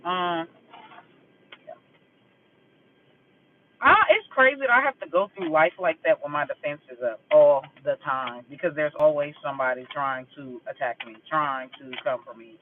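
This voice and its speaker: A man's voice: fairly high pitch, moderate pace, pauses often, a little hiss or hum. A man venting bluntly and with lots of swearing in a casual vlog, then reading tarot cards. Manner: blunt, profane and emphatic, venting about a grudge. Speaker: vlogger doing a tarot reading. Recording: tinny phone-like audio.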